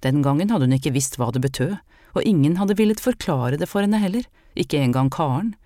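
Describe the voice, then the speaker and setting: An audiobook narrator giving a measured, scripted reading of a novel. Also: mid-range voice, lively intonation, dark tone, no echo, studio quality.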